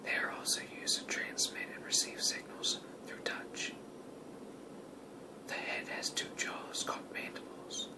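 A person whispering a scripted nature lesson in a hushed, wildlife-watching ASMR manner. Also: unhurried, low-quality recording. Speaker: nature video narrator.

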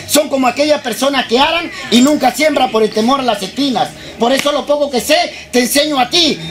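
Brash high-voiced street comic. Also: male voice. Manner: crude, shouting, teasing the audience. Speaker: street comedian. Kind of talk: stand-up street comedy. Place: outdoor plaza with a live crowd. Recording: noisy outdoor crowd recording.

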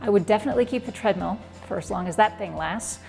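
A woman's voice: medium pitch, fast talker, vocal fry, a little mellow. Woman in her 40s chatting thru a home gym tour, lapel mic, bit of music underneath. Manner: upbeat, chatty, direct to camera. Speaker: fitness vlogger. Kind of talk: home room tour vlog. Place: basement home gym, indoors.

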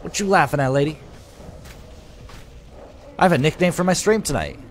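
A man's voice: on the high side, expressive, moderate pace, a little hiss or hum. A man live streaming, chatting casually with his viewers, swearing freely and reading their comments aloud. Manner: loose, profane, reads chat comments aloud.

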